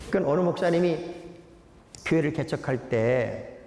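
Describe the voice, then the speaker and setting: A Korean pastor in his sixties, a man, preaching a sermon with lively humorous storytelling. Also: fairly high pitch, measured pace, creaky. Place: large church sanctuary. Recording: echoey church hall, faint noise.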